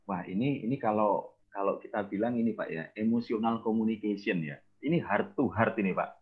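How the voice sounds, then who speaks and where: A man's voice: fairly low pitch, a little fast. Man, webinar moderator, chatty, agreement-seeking, video call, lo-fi muffled recording. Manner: chatty, keeps seeking agreement with tag questions. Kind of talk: online talk-show moderating. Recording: muffled lo-fi audio.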